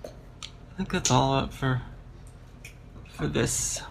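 A man's voice: medium pitch, slow pace, gravelly, a little hiss or hum. A man co-hosting a podcast, chatting casually about a book and rambling through half-finished thoughts. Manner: rambling, with restarts and trailing-off thoughts. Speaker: podcast co-host.

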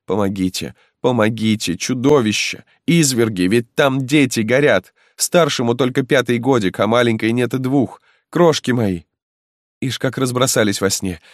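A man plays a frantic young mother in an audiobook, pushing his voice up high into strained, pleading cries. The sound is dry and close, with no room around it. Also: normal speed, dry recording, natural voice. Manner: pleading, wailing cries for help.

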